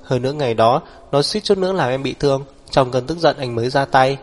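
A man voicing a proud, cold young man who speaks low, firm and measured, in an audiobook. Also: soft background music, natural voice. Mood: firm, explaining. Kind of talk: audiobook character voice.

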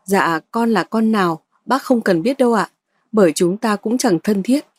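A woman voicing a bold, sharp-tongued young woman who trades scornful retorts. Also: mid-range voice, moderate pace, husky, no room sound, studio quality, natural voice.

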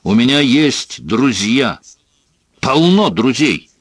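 A man's voice: sing-song, takes it slowly, no room sound, studio quality. A man voicing a desperate, defiant teenage boy in an audiobook, screaming in a raised voice. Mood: shrieking, defiant. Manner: screaming, pitched up. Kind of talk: audiobook character voice.

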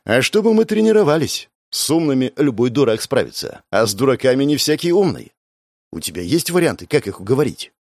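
A man's voice: medium pitch, big pitch swings, fairly quick, darkish tone, no echo, clean studio sound, voice pushed up. A man voicing a cool, ruthless woman first mate who addresses a crowd firmly. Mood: dry.

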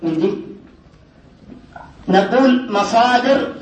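A man teaching a class on word patterns, quizzing his students often and slowing down to stress each pattern. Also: extremely high pitch, expressive, slight background noise. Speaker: teacher of Arabic morphology. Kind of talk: classroom lesson. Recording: roomy classroom from a distant mic with class murmur.

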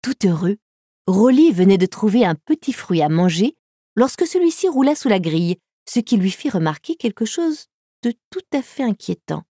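A woman narrating a children's audiobook in a calm, even storytelling manner. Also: medium pitch, normal speed, dry recording, studio quality.

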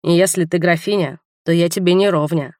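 A woman voicing a drowsy, teasing young male spy in an audiobook, speaking low-key and unhurried. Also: steady tone, a little mellow, no room sound, studio quality, natural voice. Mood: quiet.

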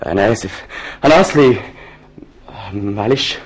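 A nervy egyptian young man in a radio play, halting then snapping, voice swings all over, husky. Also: lowish voice, animated. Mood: tense, evasive. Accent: Egyptian Arabic. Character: tense, evasive young man on edge. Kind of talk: radio drama acting.

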